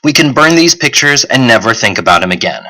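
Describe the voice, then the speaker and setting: A man reading an audiobook, voicing a sarcastic, tired teenage boy who talks quickly and dismissively. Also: medium pitch, sing-song, bright, forceful tone, rough recording. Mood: wry.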